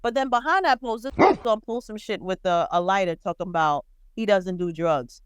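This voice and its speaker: Woman podcast host, cussing and gossiping, crisp voice, dry mic. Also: medium pitch, moderate pace, no room sound, dull audio. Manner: blunt, profane, animated storytelling. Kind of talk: casual pop-culture chat.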